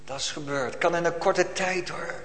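A man delivers a solemn sermon in a church. His voice sits somewhat high and he presses his congregation with urgent rhetorical questions. A long reverb from the hall trails each phrase. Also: normal speed, fairly bright tone. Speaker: pastor.

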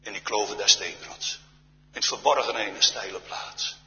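Low-voiced male preacher with a hard, forceful edge, solemn and given to hushed passages, in a roomy echoing church. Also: normal speed. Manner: solemn, often drops to a near-whisper. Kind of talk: Reformed church sermon. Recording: reverberant church hall, dull sound.

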